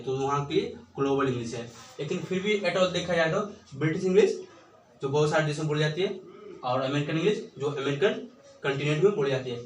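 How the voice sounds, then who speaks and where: A man's voice: on the high side, reverberant, far from the mic, a little hiss or hum, low-quality recording. A male teacher giving a lesson who asks questions and repeats the answers, spelling words out letter by letter. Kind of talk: classroom lecture in Hindi with English terms.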